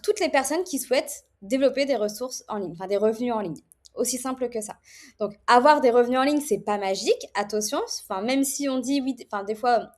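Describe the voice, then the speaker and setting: A woman's voice: fairly high pitch, a little mellow. A woman in her thirties casually presenting an online course straight to the viewer, chatty, with many fillers and restarts.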